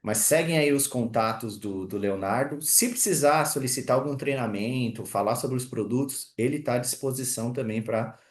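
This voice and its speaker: Over a video call, a man hosts a technical webinar, lecturing in an encouraging way with many fillers. His mid-range voice moves at a normal speed with few pauses, in an echoey room.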